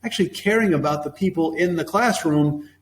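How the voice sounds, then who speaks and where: Emphatic male teacher in an echoey room. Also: a little fast. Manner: emphatic, punchy, opinionated; acts out classroom phrases in a bright higher voice. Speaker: teacher and presentation coach. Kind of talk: instructional talk to camera. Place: classroom with a whiteboard. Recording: echoey room with faint hum.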